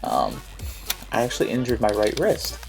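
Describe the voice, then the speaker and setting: A young gaming YouTuber from the Philadelphia area, nose stuffed from a cold, rambles through casual gameplay commentary with lots of likes and ums, sounding mildly annoyed. His low-side, darkish voice swings hugely in pitch at normal speed with vocal fry. The recording is rough, with faint music behind.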